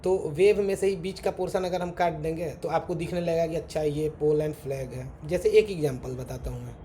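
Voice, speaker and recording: This trading teacher runs a casual screen-share lesson on reading charts, drawing on them as he talks and stepping through examples one by one. He says "theek hai" constantly. His voice is on the high side, brisk and dark, with faint background noise.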